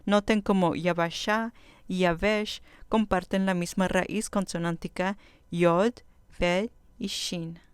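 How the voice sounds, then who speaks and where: Woman teaching vocab, super clear voice, slow and careful, dry close sound. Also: lowish voice, steady tone, dry recording. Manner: slow, careful, repeats each word. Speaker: Biblical Hebrew teacher. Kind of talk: vocabulary lesson.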